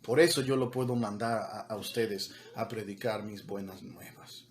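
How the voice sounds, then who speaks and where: A man's voice: on the low side, steady tone, normal speed, slight background noise. A man preaching a sermon as pastor, talking conversationally with repeated words and building to emphatic peaks, mixing in English words.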